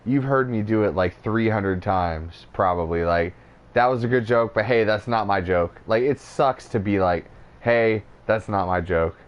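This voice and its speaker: Low-voiced teasing male podcast host. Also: a little slow, clear, resonant tone, muffled recording. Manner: teasing, swearing, laughs a lot. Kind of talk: casual chat.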